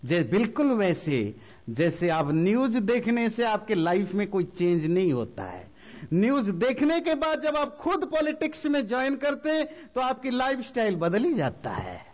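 A man giving a spiritual talk, explaining slowly with everyday examples and mixing English phrases into his speech. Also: high-pitched, big pitch swings, highs cut off. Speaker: spiritual teacher.

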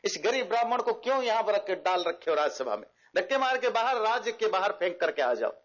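A man doing a scornful proud king, high-pitched. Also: very animated, fairly quick, fairly bright tone, exaggerated voice. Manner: scornful, dismissive. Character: arrogant proud king scorning a poor friend. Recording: dull lo-fi recording.

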